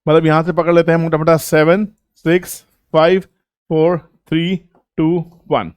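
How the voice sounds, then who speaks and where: A man's voice: fairly high pitch, little pitch movement, a little slow, smooth, no room sound. A man teaching viewers. He asks them questions and answers them himself, coaxing them along. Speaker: trading educator. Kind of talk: explaining to viewers.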